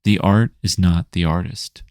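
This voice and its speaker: A man reading his own scripted video essay in a measured, rhetorical way, stacking lists and questions. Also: sits low, fairly even intonation, a little mellow, no echo, clean studio sound. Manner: measured, rhetorical, list-like delivery. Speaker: indie comics writer and channel host.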